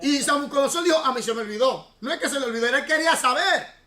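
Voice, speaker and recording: In a church classroom, a pastor leads a Bible study class, explaining at length and questioning his students. His voice is very high-pitched, fast and sharp in tone. The room sounds echoey.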